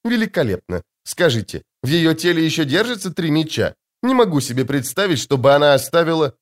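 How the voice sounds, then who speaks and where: Man doing a vain airy woman, high lilting voice, sing-song, self-satisfied, audiobook. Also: very animated, a little fast. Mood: airy, coy. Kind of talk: audiobook narration.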